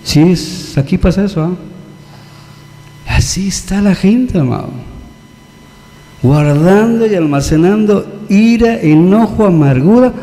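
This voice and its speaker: A man's voice: high voice, animated, unhurried, long pauses, mellow. A man with a Mexican accent preaching a conversational sermon, acting out the voices of people he quotes. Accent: Mexican Spanish. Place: church hall. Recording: long church reverb.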